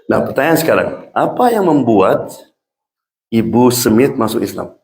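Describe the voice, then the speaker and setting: A man's voice: mid-range voice, measured pace, creaky, slight background noise. A man, an imam, telling stories in a sermon and slipping English phrases into his talk. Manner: mixes Indonesian with English phrases; animated storytelling with acted-out quotes. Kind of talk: storytelling sermon. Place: mosque hall. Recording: echoey mosque hall.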